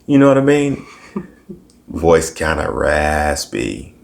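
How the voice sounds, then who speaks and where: Raspy-voiced man, very deep. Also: slow pace. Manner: playful, animated storytelling with put-on quotes. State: raspy, recovering from a cold. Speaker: podcast co-host. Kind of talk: casual chat.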